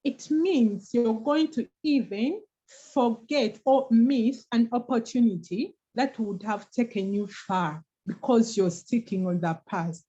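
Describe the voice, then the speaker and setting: A woman's voice: on the high side, slow, dark tone, slightly rough. A woman co-host giving an earnest, encouraging talk about forgiveness and moving forward. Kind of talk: motivational talk. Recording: dull, lo-fi online call audio.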